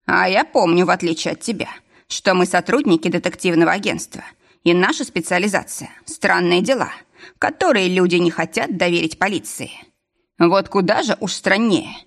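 A pushy young detective man making his pitch in a brisk, matter-of-fact way, as a woman reading the story voices him. She keeps her own low, even reading voice for him. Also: creaky. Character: brash young male detective, businesslike.

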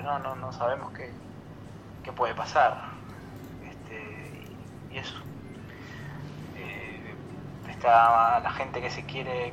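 A man calling in to a radio show over the phone, answering questions in a serious, halting way as he searches for words. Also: mid-range voice. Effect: heard over a phone line. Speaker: caller phoning in from abroad. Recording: noisy phone line.

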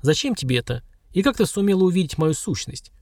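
A wary former battle mage stuck in a stranger's body, voiced by a male narrator. He talks guardedly, a touch hoarse, in a slightly raised and dry voice. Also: high voice, sing-song, fast, darkish tone, dry recording, voice pushed up, exaggerated voice. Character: young man, displaced battle mage, wary.

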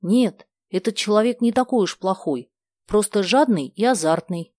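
A woman voicing a gentle, thoughtful schoolgirl who speaks softly and earnestly. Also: medium pitch, lively intonation, moderate pace, no room sound, clean studio sound, voice pushed up, natural voice.

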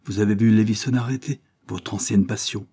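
Man reading mocking good-humoured man, calm, teasing, husky, audiobook. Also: lowish voice, fairly quick.

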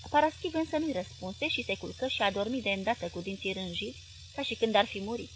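A woman reading a literary novel aloud as an audiobook narrator, in a measured, even manner. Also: medium pitch, a little hiss or hum. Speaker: audiobook reader.

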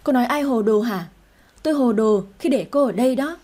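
A stern older lady of the house, voiced by a female storyteller, scolding and ordering people about. The voice is mellow and slightly husky, pitched a bit high. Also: fairly quick, close to an everyday voice. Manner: scolding, commanding.

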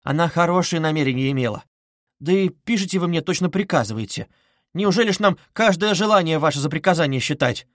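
A man's voice: fairly high pitch, expressive, fast talker, fairly bright tone, no echo, clean studio sound, pitched above the performer's own voice. A man reading aloud voices an agitated, indignant older mother who keeps exclaiming. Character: indignant older mother, quick to take offence.

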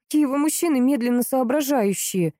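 A woman voicing an anxious young fiancée who speaks high and urgently. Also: a little fast, warm tone, dry recording, clean studio sound, close to an everyday voice.

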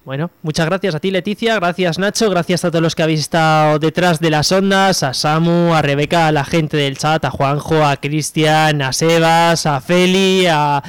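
A man's voice: on the high side, fairly even intonation, normal speed, few pauses, clear, resonant tone, no room sound. A man hosting a radio show, chatting casually and wrapping up. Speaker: radio host.

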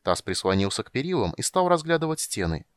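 A man narrating an audiobook in an expressive, animated reading. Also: medium pitch, fast, clear, resonant tone, no echo.

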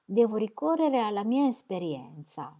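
A quick-tongued young woman with a spirited, pointed way of speaking, read aloud by a woman. Her voice sits lower than most women's and lifts and sharpens when she argues. A storybook reading. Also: close to an everyday voice. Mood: teasing. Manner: brisk and pointed, higher and louder than the narration. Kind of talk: audiobook reading.

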